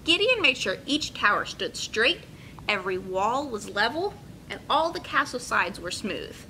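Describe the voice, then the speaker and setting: A young woman hosts a children's storytime in an indoor children's room with carpeted steps, reading a picture book and giving friendly instructions in an expressive, encouraging way. She speaks a little slowly. The low-quality recording has clear room noise and a low rumble.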